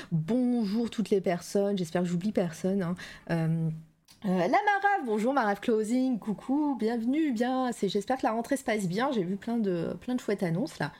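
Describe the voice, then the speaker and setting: Woman, stream host, mid-pitched, casual and hesitant, slight frog in the throat. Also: a little mellow. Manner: chatty, loose, filled with hesitations. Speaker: livestream show host. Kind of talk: casual livestream chat, greeting viewers.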